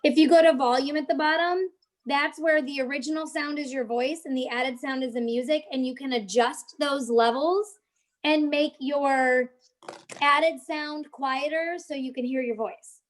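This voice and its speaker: A woman's voice: high-pitched, fairly even intonation, unhurried. A young woman hosting a casual live-stream tutorial, chatting with viewers in the chat as she walks them through social media tips.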